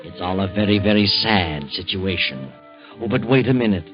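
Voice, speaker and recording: An American actor playing a sinister, mocking storyteller in a 1940s radio mystery, speaking in a sardonic, theatrical way. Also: male voice, sits low, animated, normal speed, over music. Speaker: narrator of a mystery anthology. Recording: dull old radio recording, musical backing.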